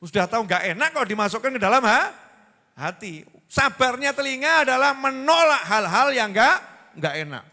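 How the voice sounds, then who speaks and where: A man with a Javanese accent preaching a lively sermon to a gathering, joking and putting questions to the audience. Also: very high voice, normal speed, gravelly. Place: large religious gathering hall. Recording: long reverb of a large hall.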